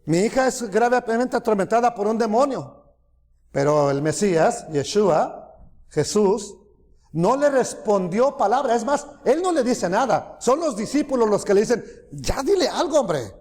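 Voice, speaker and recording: A man preaching a sermon, animated, raising his voice to loud cries when quoting and dropping low for asides. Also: moderate pace, long reverb tail.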